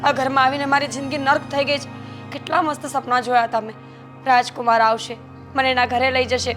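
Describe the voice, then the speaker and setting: An actress with a Gujarati accent playing a hot-tempered young wife who scolds and complains. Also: female voice, high voice. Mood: complaining. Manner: sharp, sulky and scolding. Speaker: young wife in a family drama. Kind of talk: Gujarati family drama acting.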